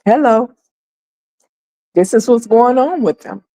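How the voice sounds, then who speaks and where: Woman, casual commentary host, animated, laughs often. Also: slow pace. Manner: animated, laughs often, acts out quoted people in a higher voice.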